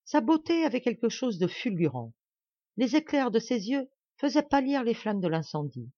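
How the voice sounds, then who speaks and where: A woman narrating a classic novel as an audiobook in an expressive, dramatic reading. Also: a little high, moderate pace, no room sound. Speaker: audiobook reader. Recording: dull dry home recording.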